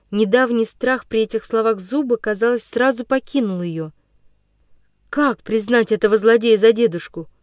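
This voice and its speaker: A woman narrating a classic children's story as an audiobook, in a measured, dramatic storytelling manner. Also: medium pitch, a little mellow, no echo, studio quality.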